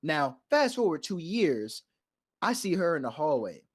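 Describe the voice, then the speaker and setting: A man's voice: fairly high pitch, measured pace, slightly rough, no room sound, clean studio sound. A young man co-hosting a podcast, telling a story casually and acting out voices and sound effects. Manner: animated storyteller who acts out quotes and sound effects. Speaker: podcast co-host.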